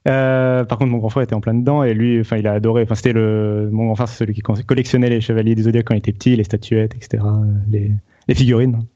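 A young man speaks on a casual podcast panel in a flat, mellow voice. He halts often and fills gaps as he explains. The audio is dull and lo-fi. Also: on the low side. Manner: halting, many fillers and restarts.

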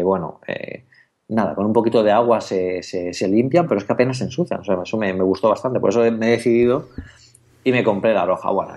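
A man co-hosting a casual podcast, telling a personal anecdote in a lively way, often laughing and restarting his sentences. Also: lowish voice, slightly rough, highs cut off. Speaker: podcast co-host.

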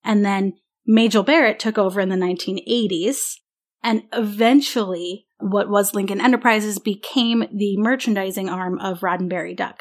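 Woman host sharing fan history facts. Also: mid-range voice. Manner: informative, reads out dates and facts. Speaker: podcast host. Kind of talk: casual podcast discussion.

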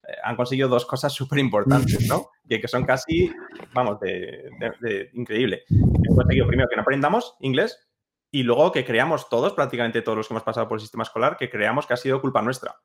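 A man's voice: medium pitch, fast talker. A man, a guest in a conversational interview who repeats his points for emphasis. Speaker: co-creator of an English-learning method, guest.

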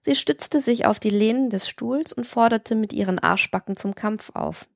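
A woman reading an audiobook in a steady, measured narration. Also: a little high, vocal fry, dry recording, studio quality. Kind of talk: scripted narration.

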